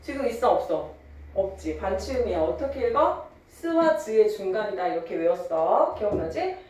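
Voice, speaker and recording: A woman's voice: mid-range voice, sing-song, normal speed, a little mellow, heavy reverb, far from the mic. A young woman teaching a literature lecture, chatty and teasing, mixing casual and polite speech. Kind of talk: online lecture.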